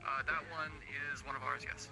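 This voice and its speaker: A man's voice: medium pitch, fairly even intonation, brisk, low-quality recording. A man in an in-character roleplay, explaining things in a hesitant way and stopping on "uh" again and again. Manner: hesitant, explanatory, many uh's. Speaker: roleplay player. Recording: music playing behind.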